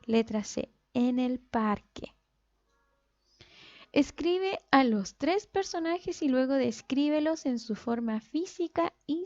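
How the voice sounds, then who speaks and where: A woman's voice: high-pitched, a little mellow. Patient woman teacher with faint music. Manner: patient, explanatory, stretches out example words slowly. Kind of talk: recorded classroom lesson. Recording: dull lo-fi sound with faint music.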